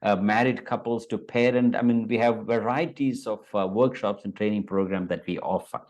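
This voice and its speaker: A man's voice: fairly low pitch, fairly even intonation, normal speed, darkish tone. A man in his fifties, from India, a Vedanta teacher speaking in an interview over a video call, hesitant and full of fillers and restarts.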